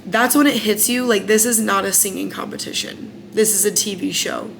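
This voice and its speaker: A young American woman frankly recalls her days as a singing contestant in a casual vlog, chatting away with plenty of "like" fillers and blunt opinions. Her medium-pitched voice is steady and creaky, delivered at a moderate pace over background noise.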